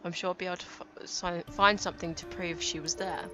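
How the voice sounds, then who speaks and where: Brief: grieving young woman detective, read by a woman gamer, low and halting. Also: fairly even intonation, natural voice. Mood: somber. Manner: somber inner monologue, read aloud haltingly. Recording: game music behind.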